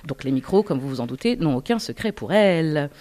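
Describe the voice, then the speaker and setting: A woman's voice: low voice, animated, fairly quick, mellow. A woman hosting a radio interview, upbeat and laughing often. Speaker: radio host.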